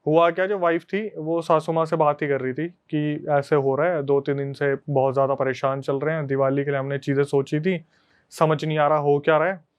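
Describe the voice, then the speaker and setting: Man with a smooth, higher voice. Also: fairly quick. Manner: animated, conversational retelling to friends. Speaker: podcast host telling a story. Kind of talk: casual storytelling chat.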